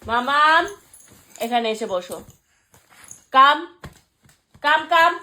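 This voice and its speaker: A woman's voice: high-pitched, slow, sharp tone. A young woman, a mother, squabbling playfully and mock-indignantly with her little daughter on a home phone video. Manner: teasing, mock-indignant, bickering. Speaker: mother, family vlogger. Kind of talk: playful family squabble on camera.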